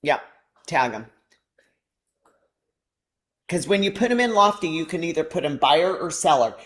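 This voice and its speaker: A woman's voice: sits low, very animated, moderate pace. A woman teaching a real estate training session, explaining step by step in a conversational way. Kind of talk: training presentation.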